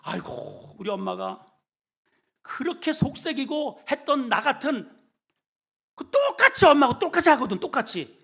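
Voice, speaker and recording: Male pastor, sermon, high and sharp-toned, folksy, jumps from hushed to loud. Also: wildly swooping pitch, normal speed, creaky, breathy edge. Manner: swings between hushed and loud, emphatic delivery; folksy, colloquial storytelling with humor. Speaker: senior pastor.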